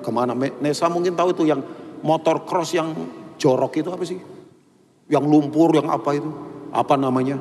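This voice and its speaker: A male pastor preaching a lively sermon, telling stories and addressing the congregation directly. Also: a little high, a little fast, long pauses, big-room sound. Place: church hall.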